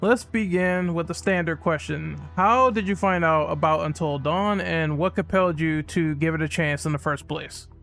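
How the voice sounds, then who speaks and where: Male podcast host, casual delivery, slightly high voice, background music under the speech. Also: normal speed, gravelly, hardly any pauses, a bit bright. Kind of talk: casual hosting and chat.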